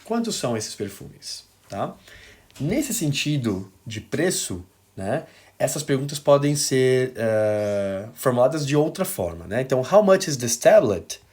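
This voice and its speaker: A man's voice: medium pitch, very animated, darkish tone. Brazilian guy teaching an english class on video, takes his time, keeps asking ok?. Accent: Brazilian Portuguese. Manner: slow, explains with examples and checks in with "ok?".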